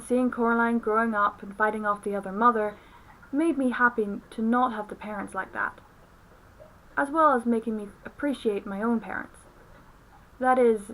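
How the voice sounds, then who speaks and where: A young woman reads a scripted film review as the reviewer presenting commentary. Her voice sits a little higher than most women's and has a fairly bright tone, captured in a rough recording.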